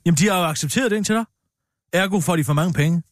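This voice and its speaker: A man's voice: sits high, dry recording, clean studio sound. A man in a comedy sketch with a pompous, opinionated way of rambling.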